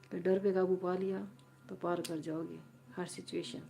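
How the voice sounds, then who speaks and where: A woman's voice: lowish voice, flat delivery, normal speed, vocal fry. A woman on a live stream, casually retelling a story to her viewers and repeating and rephrasing her lines as she goes.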